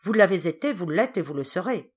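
A woman's voice: deep voice, lively intonation, normal speed. A woman voicing a proud, scornful governess cousin in an audiobook. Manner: scornful, reproachful.

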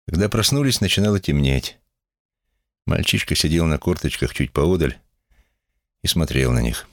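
A man reading an audiobook as narrator in an expressive, measured way. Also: very deep voice, dry recording, studio quality. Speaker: audiobook reader. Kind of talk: scripted narration.

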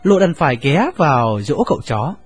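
A man narrating a story in an expressive, lively reading. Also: a little high, fairly quick, husky.

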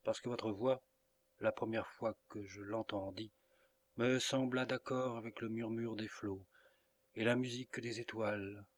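A man's voice: fairly low pitch, steady tone, a little slow, close to an everyday voice. A man reading the lines of an earnest young woman in love, in a pleading, emotional audiobook reading. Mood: tender.

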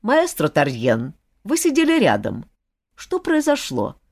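Lady reading as a calm bossy old maestro, slow, no fuss. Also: mid-range voice, exaggerated voice. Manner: measured and unhurried. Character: calm authoritative older male theater master.

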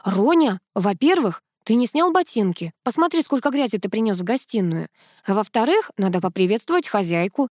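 A woman reading the part of a self-assured businesswoman and mother in an audiobook, with a brisk, matter-of-fact delivery. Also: medium pitch, very animated, no room sound, studio quality. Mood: scolding.

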